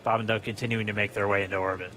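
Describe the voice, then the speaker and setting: Bright, even-toned male launch commentator. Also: fairly low pitch, rapid-fire, slight background noise. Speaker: launch webcast host.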